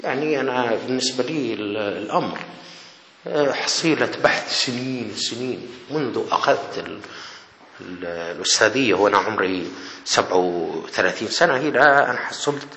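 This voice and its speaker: A man's voice: medium pitch, expressive, fairly quick, pushed and bright. A man, a professor giving a critical lecture-style talk in a sarcastic manner. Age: 40s. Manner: sarcastic, mimics dialogue. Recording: echoey hall with faint noise.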